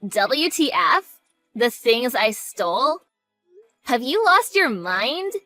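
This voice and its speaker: A woman's voice: on the high side, big pitch swings, takes it slowly, bright, forceful tone, no echo, soft background music, exaggerated voice. A woman playing a snarky, dismissive sister. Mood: defensive. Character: flippant, defensive younger sister. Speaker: sister of the main character. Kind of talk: voice acting in a narrated drama story.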